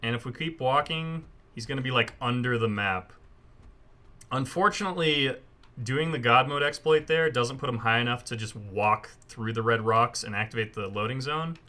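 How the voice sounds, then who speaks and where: In an informal gameplay tutorial, a speedrunner talks others through the route step by step at a normal speed. He has a bright, forward voice pitched in the middle range.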